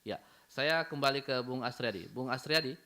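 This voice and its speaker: A man's voice: medium pitch, normal speed, bright, forceful tone. A man hosting a radio talk show in a formal, announcer-like way. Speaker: radio host.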